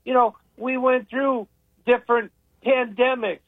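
A man's voice: very high-pitched, steady tone, unhurried, no room sound. An older man on a radio talk show, rambling and opinionated as he tells stories in casual talk. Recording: tinny phone-line radio sound, dry.

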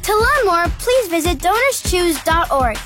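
A woman's voice: very high-pitched, big pitch swings, moderate pace, music in the background. A woman narrating a scripted charity advert. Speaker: commercial narrator.

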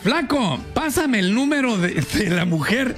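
High-voiced Mexican radio host joking around. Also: male voice, unhurried, faint music behind. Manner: joking, lively, reads listener messages. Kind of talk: comedy radio show. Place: radio studio.

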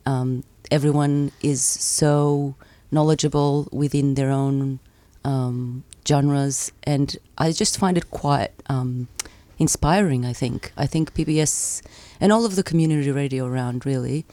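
A young woman from Portugal, a community radio presenter speaking as a guest in a thoughtful, measured way with small pauses. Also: a bass voice, fairly even intonation, warm tone, no room sound. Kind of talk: radio interview. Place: radio studio.

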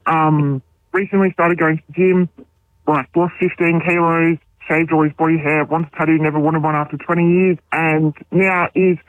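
A woman's voice: sits low, no echo. Woman caller behind a voice changer. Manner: subdued, hesitant, talks with many ums. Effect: voice changer disguising the voice. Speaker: anonymous caller. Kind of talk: casual radio call-in chat. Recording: tinny phone line.

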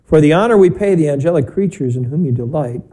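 Male priest at a pulpit microphone, mellow and warm, measured, plain-spoken. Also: fairly high pitch, animated, rough recording. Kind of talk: homily and spoken Mass prayers. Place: church during a broadcast Mass.

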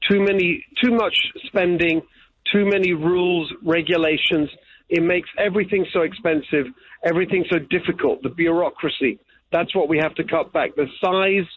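An English man running for political office answers interview questions earnestly, circling back to repeat his key points. His voice sits on the high side and sounds husky, with no room sound, though it comes through a tinny phone line.

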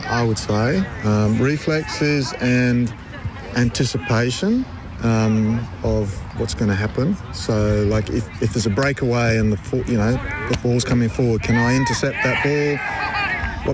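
Male guest, eager, pauses to think, noisy setting. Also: medium pitch. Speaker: podcast guest. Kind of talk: casual sports chat.

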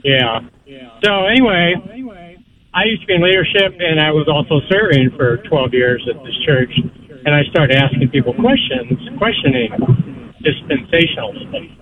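A man's voice: a little high, moderate pace, background noise. A man calling in to a radio show, talking politely and hesitantly over a phone line. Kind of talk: casual call-in talk.

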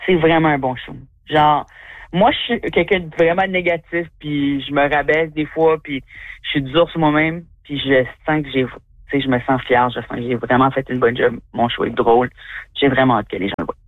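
A woman from New Brunswick, Canada speaks with an extremely low, steady voice at normal speed, with no room sound but over a tinny, phone-like line. A comedian and interview guest, she chats effusively and packs her answers with fillers.

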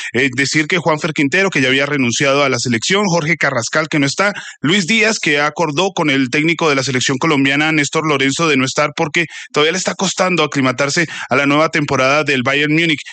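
A man with a bright, fairly high voice delivers the sports roundup on a radio news show. He keeps a brisk, upbeat delivery. The studio sound is close and dry. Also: dry recording. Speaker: sports presenter.

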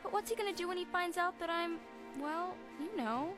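A woman's voice: extremely high pitch, a little fast, music in the background. An actress playing an insecure, flustered and earnest young girl in a family radio drama. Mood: dismayed. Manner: nervous, pleading.

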